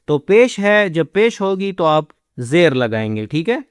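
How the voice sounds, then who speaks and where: A man's voice: a little high, very animated, smooth, no room sound, clean studio sound. A man teaching Quran recitation, spelling out letters and vowel marks and drawing out each recited word. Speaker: Quran tutor. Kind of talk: slow word-by-word recitation lesson.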